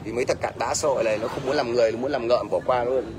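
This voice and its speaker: A man's voice: mid-range voice, fairly even intonation, rapid-fire. A middle-aged man with a Northern Vietnamese accent, ranting at a commenter on a livestream in a blunt, scolding way and often asking "thấy chưa?". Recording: faint background noise.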